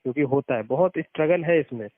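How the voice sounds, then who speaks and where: Speaking quickly in a slightly high voice, a former network marketer with plenty of experience advises someone over the phone, casually yet emphatically, restating his points to drive them home. The call sounds muffled and narrowband, with no room sound.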